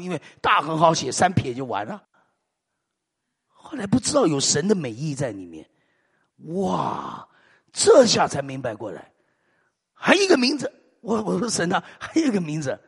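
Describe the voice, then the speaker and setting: 台湾口音的男牧师，讲道声调起伏大. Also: male voice, high voice, breathy edge, big-room sound. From Taiwan. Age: middle-aged. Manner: animated storytelling with frequent hallelujahs and amens. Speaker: preacher. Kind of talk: sermon.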